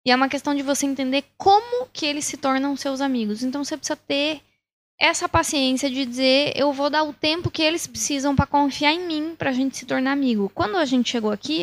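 A woman, a missionary explaining things calmly in a casual talk to the camera. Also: sits high.

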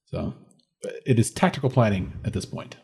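A man's voice: fairly low pitch, animated, normal speed, vocal fry, mellow, breathy edge. A man talking casually as a player on a tabletop role-playing podcast. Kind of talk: casual tabletop game chat.

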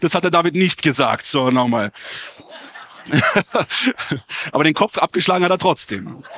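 A male pastor preaching to a congregation, swinging between soft storytelling and loud, emphatic appeals, with touches of humor. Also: fairly high pitch, animated, normal speed, slight background noise. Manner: humorous, interrupts himself. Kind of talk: sermon. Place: church before a congregation.

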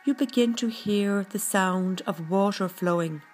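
A woman narrating a scripted guided meditation in a soothing, gentle, unhurried manner. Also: medium pitch, a little hiss or hum. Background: background music.

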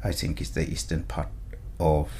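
A man from Zimbabwe, a guest artist in a podcast interview, explaining things in a measured, halting way. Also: rumbling low, completely flat delivery, vocal fry, darkish tone, a little hiss or hum.

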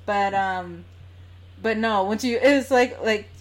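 Woman, standard American accent, medium pitch, casual chat, informal, chatty interviewer. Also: slow pace. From United States. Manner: informal, chatty, laughs easily while talking.

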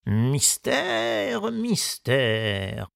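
A man voicing a kindly, wise old male gardener in an audiobook, musing slowly and confidingly. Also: mid-range voice, huge pitch swings, creaky, a bit bright, no echo, studio quality, pitched above the performer's own voice, exaggerated voice. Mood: amazed. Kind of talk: audiobook character reading.

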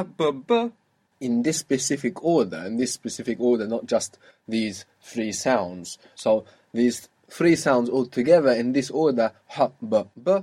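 An Arabic teacher gives a one-on-one language lesson, patiently explaining and spelling out sounds slowly. He has a mid-range, slightly mellow voice.

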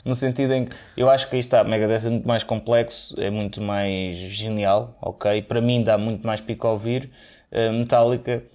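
A man's voice: on the low side, flat delivery, moderate pace, warm tone. A man with a European Portuguese accent, co-hosting a podcast in casual, rambling chat with many fillers. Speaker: podcast co-host.

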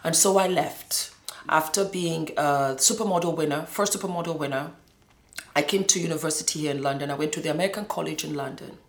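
Recorded in a spacious, echoing indoor room, this former model, a middle-aged woman from Nigeria and Scotland, relates her life in a fairly low voice. Her pace is a little fast, and she stresses points by repeating words, testimony-style.

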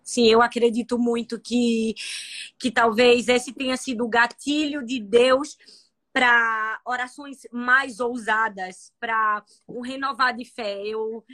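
A woman's voice: fairly high pitch, fairly even intonation, takes it slowly, a bit bright. A woman hosting a faith interview, affirming her guest with short interjections. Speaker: podcast host.

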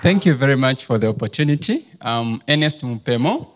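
A man's voice: medium pitch, lively intonation, brisk, very noisy. Formal man from Zambia asking a question. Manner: formal, polite. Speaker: audience member asking a question. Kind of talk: audience question. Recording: reverberant hall.

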